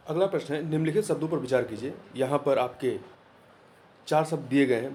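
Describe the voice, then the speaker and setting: A man's voice: a little high, a little mellow, a little hiss or hum. A man teaching an exam-prep lesson, explaining answers patiently and repeating key words. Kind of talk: spoken lesson.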